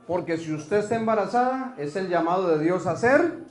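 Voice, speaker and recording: A man preaching a lively sermon, telling stories and asking the congregation questions. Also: high voice, normal speed, reverberant, soft background music. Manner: animated storytelling, asks the congregation questions.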